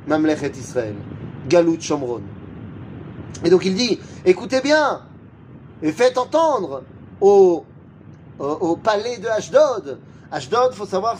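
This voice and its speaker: A man's voice: a little high, darkish tone, a little hiss or hum. A man teaching a Torah lesson. He chants Hebrew verses and answers his own rhetorical questions. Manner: chants Hebrew verses between French explanation. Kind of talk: religious lesson.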